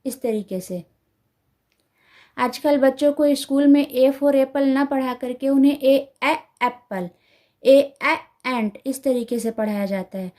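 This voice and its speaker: A woman teaching letter sounds to parents, repeating each sound carefully and slowly. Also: sits high, darkish tone. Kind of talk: slow instructional explanation.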